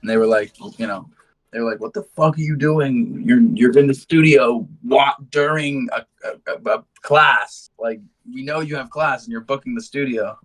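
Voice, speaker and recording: On a low-quality recording, a man in his 20s with a medium-pitched, fairly bright voice talks at normal speed. He's a band musician from London, relocated to the US from high school, and he chats through the interview in a relaxed, slangy, foul-mouthed storytelling way.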